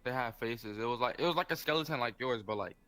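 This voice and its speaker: A man tells a scary story in a soft, laid-back and slangy way. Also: mid-range voice, quick pace. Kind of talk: casual spoken story.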